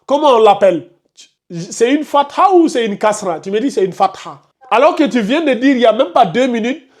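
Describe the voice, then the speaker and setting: A man teaches a recitation class in a high voice for a man. He keeps pressing his point and goes over each step again and again. He scolds the students who lose track. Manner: insistent, repeats explanations step by step, scolds students. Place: classroom with a board.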